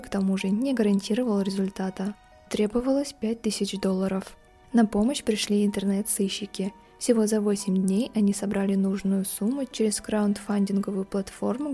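Mellow-voiced woman narrating a detective podcast. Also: mid-range voice, breathy edge. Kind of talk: scripted true-crime podcast narration. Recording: music behind the voice. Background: background music.

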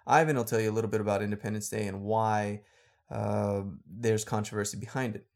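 Low-voiced man hosting a casual podcast. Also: steady tone, brisk, gravelly, a little mellow. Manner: laughs often, explains things for learners. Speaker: podcast host and teacher.

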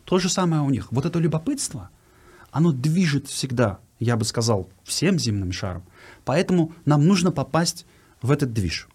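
A man's voice: on the high side, sing-song, normal speed, a little mellow, husky. A man speaks conversationally as an interview guest, earnestly repeating words for emphasis. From Uzbekistan. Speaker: guest giving his views.

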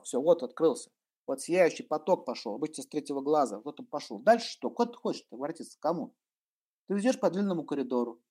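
A man teaching about mantras in a humorous spiritual lecture, animated and joking, acting out little scenes. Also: on the high side. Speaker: esoteric teacher and astrologer.

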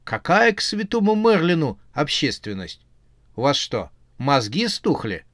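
A man voicing an irritable, sharp-tongued young witch who scolds and retorts in exasperation. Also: a little high, big pitch swings, a little slow, no echo, clean studio sound. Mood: exasperated.

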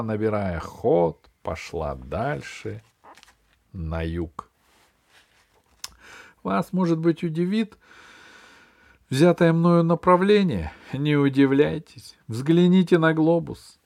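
A man reading a children's adventure story aloud in the first person, with lively storytelling that drops low and soft at the ends of phrases. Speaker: audiobook reader.

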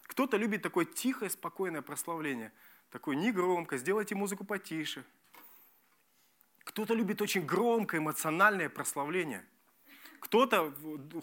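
A man preaching a sermon as pastor, emphatic and lively, repeating key phrases and restarting words. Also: high-pitched. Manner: lively, emphatic preaching with repetitions and self-corrections.

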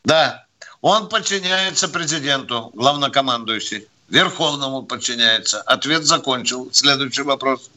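An older man hosting a call-in radio show, brisk and quick to argue with callers. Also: medium pitch, pushed and bright.

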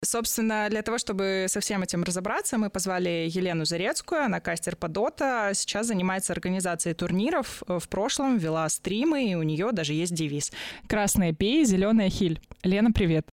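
A woman co-hosts a casual podcast, introducing her guest and asking questions in a playful, easygoing way. The sound is dry and close, with no room echo. Her pitch is an ordinary middle for a woman. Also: brisk. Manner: playful, laughs often. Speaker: podcast co-host.

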